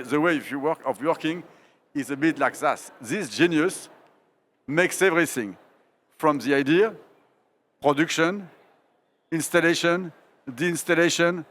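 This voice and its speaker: A man with a French accent moderating a live panel discussion, animated and speaking straight to the audience. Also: on the high side, a little hiss or hum.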